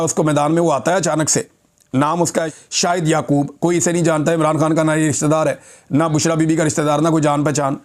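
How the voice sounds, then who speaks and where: A man with a Pakistani Urdu accent delivers political commentary straight to his audience. His voice sits fairly high for a man. He sounds indignant and heated throughout. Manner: indignant and impassioned, addressing viewers directly. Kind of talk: vlog commentary.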